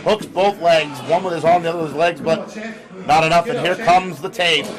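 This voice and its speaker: A man's voice: a little high, fairly even intonation, fairly quick, over music. A man working as a lucha libre announcer, giving live play-by-play and calling wrestling moves in short bursts. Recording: crowd noise behind commentary. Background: live crowd.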